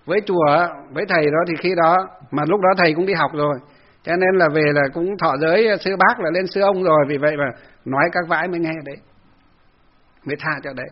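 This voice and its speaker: High, husky-voiced monk telling a story. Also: male voice, fast. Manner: lively storyteller who acts out others' voices. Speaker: Buddhist monk. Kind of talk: storytelling dharma talk. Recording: dull lo-fi recording.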